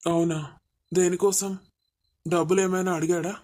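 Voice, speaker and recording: Woman doing a suspicious scheming cartoon guy, lowish voice. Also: level tone, normal speed, darkish tone, natural voice. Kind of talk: animated family drama dialogue.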